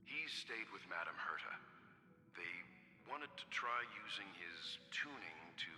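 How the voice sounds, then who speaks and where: A calm, matter-of-fact companion in a video game. His voice is very deep with a bright edge, ringing with long reverb. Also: a little slow, exaggerated voice. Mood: composed, explanatory. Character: composed, matter-of-fact male ally giving reports. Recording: echoey, reverberant hall.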